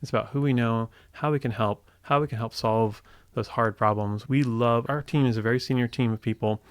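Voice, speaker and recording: A man's voice: mid-range voice, brisk, no echo, clean studio sound. A man in his forties from Indiana, a tech company co-founder talking reflectively as an interview guest, often restarting his sentences. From Indiana, USA. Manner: relaxed, reflective, many restarts. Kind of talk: conversational interview.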